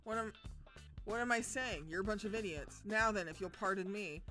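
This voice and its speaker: A woman's voice: medium pitch, moderate pace, sharp tone, soft background music, natural voice. A woman reading the lines of a scheming, battered man who mocks the thugs that beat him. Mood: mocking. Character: battered scheming male writer, smug and mocking.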